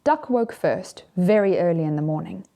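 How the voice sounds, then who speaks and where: A drag storytime host reading to children in a gentle, theatrical, deliberate storytelling manner. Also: mid-range voice, expressive, gravelly.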